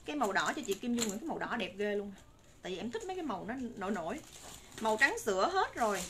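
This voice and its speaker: A Southern Vietnamese woman in her thirties, medium-pitched and sharp-toned, speaks very fast and very animatedly as she sells to live-stream viewers. Her persuasive patter keeps repeating itself. She broadcasts from a room with curtains and bagged stock into a phone a short distance away, and the recording is noisy.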